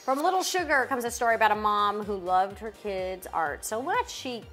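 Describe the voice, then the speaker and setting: A woman's voice: medium pitch, expressive, normal speed, over loud music. A woman co-hosting a casual entertainment chat, chatty, blunt and joking, laughing often. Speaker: co-host.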